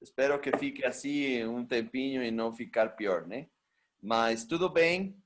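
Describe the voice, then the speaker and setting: A man hosting an online workshop, greeting each participant by name over a video call. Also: medium pitch. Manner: warm greetings, unhurried. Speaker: workshop host and teacher.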